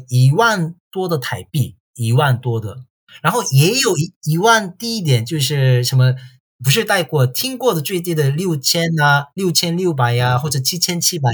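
This tour guide from South Korea fields interview questions in Mandarin, a foreign language for him, so his phrasing is simple and halting and his Korean accent comes through. It's a casual exchange, and his voice sits on the high side with a slightly rough quality.

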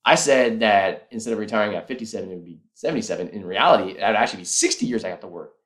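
A man's voice: lowish voice, animated, very fast, a bit bright. A man hosting a podcast alone, talking earnestly and persuasively as he walks through numbers step by step. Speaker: podcast host. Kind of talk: casual solo podcast talk.

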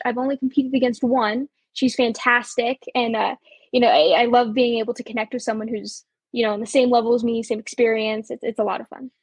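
Husky and a little high, this young woman's voice comes through with no room sound. She's a seventeen-year-old Colorado auctioneer keeping things upbeat in a casual interview, with plenty of ums and little laughs along the way.

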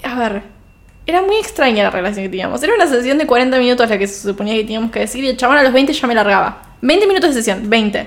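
Chatty Argentine woman with a high voice. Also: rapid-fire. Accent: Argentine Rioplatense Spanish. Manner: lively storyteller, chatty. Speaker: podcast co-host. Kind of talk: casual chat.

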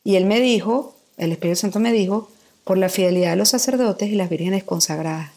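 A middle-aged woman from Mexico appears as a podcast guest, recounting her personal story with vivid, candid feeling. She has a warm, medium-pitched voice and talks a little fast.

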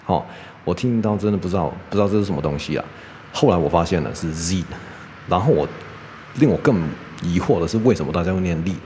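Deep-voiced male native English speaker, casual teacher drilling sounds, keeps asking "OK?", echoey room. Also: dark tone. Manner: ends nearly every sentence with a checking "OK?"; drills sounds slowly and repeats them. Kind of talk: casual spoken lesson. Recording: echoey room with faint background noise.

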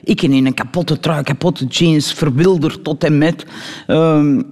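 A woman's voice: low voice, measured pace. Flemish woman telling stories with reverb. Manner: animated, playful anecdote telling with voiced quotes. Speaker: guest actress. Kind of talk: lively storytelling in a radio interview.

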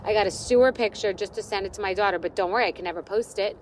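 A middle-aged woman hosting a podcast, telling a self-mocking story in a casual, animated rant with quick asides. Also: mid-range voice, a little hiss or hum. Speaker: podcast host.

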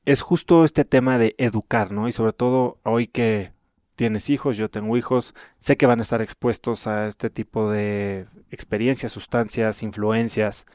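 A man's voice: fairly low pitch, steady tone, measured pace, darkish tone, clear, resonant tone, dry recording, clean studio sound. A man, hosting a conversational interview in a reflective, anecdotal way. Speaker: podcast host.

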